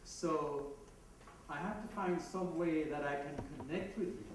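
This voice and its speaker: Speaking a bit slowly in a voice on the high side, this conference speaker has a Jamaican accent and a chatty style. He laughs at his own asides, while the distant mic in an echoey hall catches background noise too.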